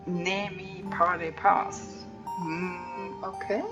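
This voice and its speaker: A woman's voice: fairly low pitch, level tone, extremely slow, loud music behind the voice. A woman doing casual game playthrough commentary, reading aloud and reacting expressively as she plays. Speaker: game streamer.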